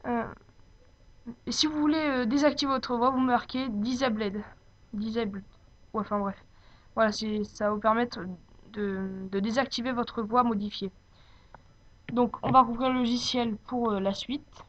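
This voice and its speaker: A woman giving an informal, unscripted software tutorial, speaking hesitantly as she searches for her words. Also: a little high, fairly even intonation, moderate pace. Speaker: tutorial presenter. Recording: dull lo-fi home microphone.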